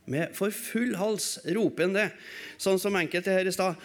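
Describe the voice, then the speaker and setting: A man delivers a sermon during a church service, alternating between loud, raised calls and quiet, low stretches. His style is emphatic, and he poses rhetorical questions only to answer them himself.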